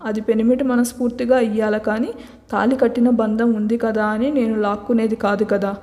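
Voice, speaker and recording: A woman's voice: fairly high pitch, level tone, brisk, warm tone, long reverb tail, natural voice. A woman voicing a young village wife who speaks an in plain, simple words. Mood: hurt, resigned. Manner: plain rustic speech. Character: simple village girl, young wife, hurt but proud.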